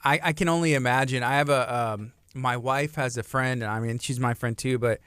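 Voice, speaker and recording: A man's voice: medium pitch, fairly even intonation, fairly quick, fairly bright tone, smooth, no room sound. A man in his thirties with a Texan accent, hosting a casual radio chat show in a studio, playful and laughing often. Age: 30s. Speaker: radio host.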